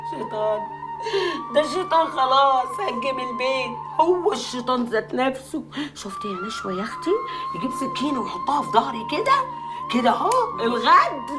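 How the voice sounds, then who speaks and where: An actress playing a betrayed newlywed wife with an Egyptian accent, shouting and sobbing. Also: female voice, high voice, very animated, a little fast, loud music behind the voice. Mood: tearful. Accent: Egyptian Arabic. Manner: wailing, shouting, sobbing outbursts. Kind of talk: Egyptian TV comedy drama.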